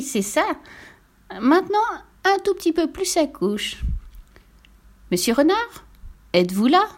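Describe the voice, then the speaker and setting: A woman voicing a small, crafty piglet who squeals, sighs and pleads sweetly. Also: darkish tone. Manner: high sighing pleading voice.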